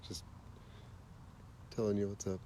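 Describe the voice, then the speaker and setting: A man hosting a casual livestream outdoors at night, chatty and quick to laugh, with a slightly stuffy nose, talking into a phone. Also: fairly low pitch, slight background noise. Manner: relaxed, chatty, laughs easily. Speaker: livestream host. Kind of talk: casual live chat while stargazing.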